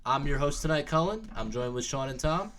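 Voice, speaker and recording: A young man hosting a casual podcast chat, animated and swearing freely as he talks sports. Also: on the high side, brisk, a little hiss or hum. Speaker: podcast host.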